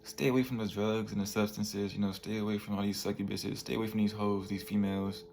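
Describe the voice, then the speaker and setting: Man in his twenties, gravelly voice, casual motivational vlog, laid-back slang, faint room ambience behind. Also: lowish voice, level tone, fast talker, a little mellow, slight background noise. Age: 20s. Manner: laid-back slang, peppers talk with "bro" and "you feel me". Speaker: vlogger.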